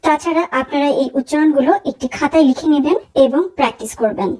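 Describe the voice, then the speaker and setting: A young woman teaching a language lesson, saying letters slowly and carefully for learners to repeat. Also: high voice, a little mellow, rough recording. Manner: slow, careful pronunciation drills. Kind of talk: spoken alphabet lesson.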